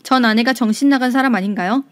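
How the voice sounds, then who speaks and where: A woman's voice: on the high side, quick pace. A woman narrating a reader's story in a scripted, storytelling way.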